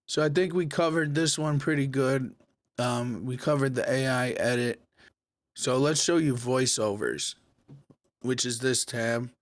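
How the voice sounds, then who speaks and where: A man's voice: mid-range voice, measured pace, no echo. Casual man with a dry close mic. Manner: casual, conversational, talks to viewers as guys. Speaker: tech tutorial host. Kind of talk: screen-recorded software tutorial.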